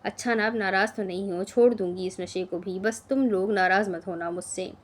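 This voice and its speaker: A woman voicing a hot-tempered young woman in a storybook reading, sharp and indignant in her delivery. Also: fairly high pitch, brisk, natural voice. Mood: coaxing.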